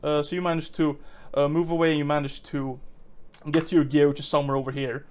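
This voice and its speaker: Genre: tabletop game. Sex: man. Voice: slightly high, hesitant. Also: flat delivery, fast, clear, resonant tone. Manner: hesitant, many fillers and restarts, chuckling. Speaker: game master.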